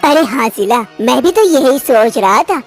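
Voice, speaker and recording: A woman's voice: sits high, lively intonation, measured pace. A woman voicing an easygoing young husband in a plain, cheerful way. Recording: faint music underneath.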